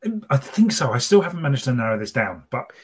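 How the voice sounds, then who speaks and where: A man chatting casually as a podcast co-host, rambling and interrupting himself, in a husky voice. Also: mid-range voice, sing-song, quick pace. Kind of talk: casual chat.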